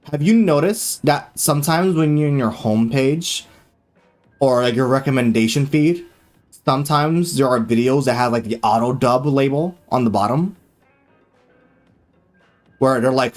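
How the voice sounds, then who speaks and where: Speaking at medium pitch, a young man hangs out on a live gaming stream, talking in an excitable, loose way. He swears freely and fills his speech with slang and fillers.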